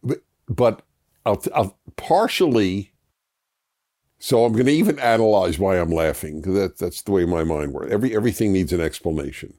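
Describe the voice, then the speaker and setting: A man hosts a relaxed chat straight to his audience. His pitch swoops around animatedly as he talks. He keeps restarting and repeating words as he wanders off on asides. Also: moderate pace. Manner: laughs at himself while explaining. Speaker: host. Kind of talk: casual chat with viewers.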